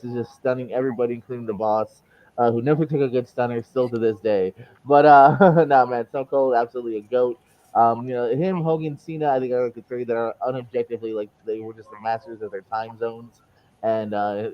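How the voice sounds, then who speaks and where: A man's voice: mid-range voice, dry recording. Man on a muffled underwater-sounding mic. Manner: easygoing, rambling with fillers. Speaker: podcast co-host. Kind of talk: casual chat.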